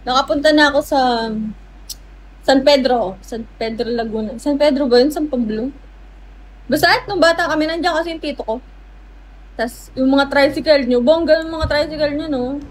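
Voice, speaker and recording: A woman's voice: high voice, normal speed, rough recording. A woman hosting a casual livestream, with a playful, teasing manner, greeting viewers by name and chatting with them. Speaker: livestream host. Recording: steady background noise.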